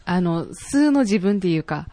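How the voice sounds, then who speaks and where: A woman with a Kansai accent talks in a friendly, agreeable way and often chimes in to back the others up. Her voice sits at an ordinary pitch and is recorded close and dry, with no room sound. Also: animated, moderate pace, warm tone, no room sound. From Kansai, Japan. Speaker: singer-songwriter. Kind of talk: casual chat.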